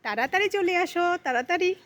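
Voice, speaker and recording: A woman's voice: very high voice, lively intonation, a little fast, a bit bright, no echo. A woman filming and narrating a casual family vlog, coaxing her small daughter while talking to viewers.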